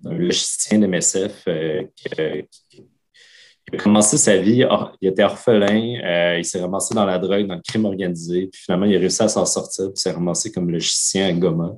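A man's voice: sits low, steady tone, fairly quick, darkish tone. A man with a Québécois French accent, an emergency operations director, giving interview answers and repeating words as he thinks.

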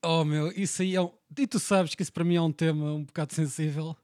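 A man's voice: fairly high pitch, steady tone, quick pace, darkish tone, dry recording. A young man with a European Portuguese accent hosting a casual podcast, steering the talk with dry asides. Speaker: podcast host. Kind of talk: casual chat.

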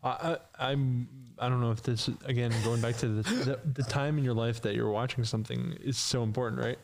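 Brief: male podcast host, mid-pitched, playful casual talk, faint clicks and noise behind. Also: fairly even intonation, a little fast, creaky, darkish tone. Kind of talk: casual chat.

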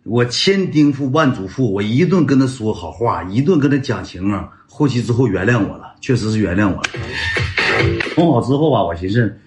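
A man's voice: medium pitch, expressive, fairly quick, darkish tone, faint music behind. A man with a Northeastern Mandarin accent telling a comic personal story in a rambling way, repeating himself and calling his listeners brothers.

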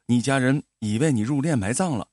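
A man's voice: medium pitch, a little fast, a little mellow, no echo, studio quality, natural voice. A man voicing a devoted young village man who speaks earnestly and soothingly in a storybook tale.

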